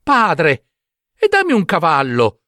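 A man voicing a cheerful, foolish young man who calls out eagerly in a raised, excited voice, in a read-aloud fairy tale. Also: moderate pace, creaky, no echo, studio quality. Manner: shouting eagerly, high and excited.

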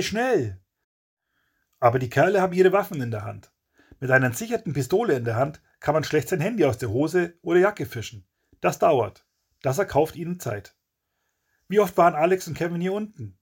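A man's voice: on the high side, slightly rough. A man narrating a crime story in a dramatic, punchy audiobook reading.

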